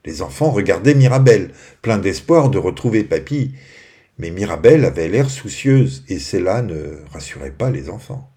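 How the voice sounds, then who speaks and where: A man narrating a children's bedtime story in a gentle, expressive way, dropping to a hush at quiet moments. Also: low voice, normal speed.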